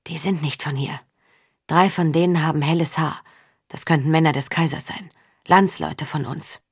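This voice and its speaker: A woman voicing a grim, terse male mercenary in a storybook reading, speaking low and curt in a husky voice. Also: normal speed, no room sound, clean studio sound. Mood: hushed.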